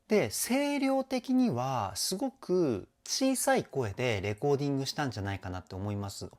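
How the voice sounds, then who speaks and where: A man's voice: medium pitch, a little mellow. A man who works as a vocal coach hosts a reaction video, explaining singing technique step by step with eager admiration. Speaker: vocal coach and YouTube host. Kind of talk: voice analysis reaction commentary.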